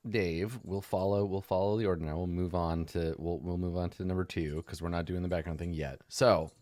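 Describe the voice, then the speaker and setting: A man's voice: deep voice, fairly even intonation, fairly quick, darkish tone, no echo. A man acting as game master, casually explaining tabletop rules with joking asides.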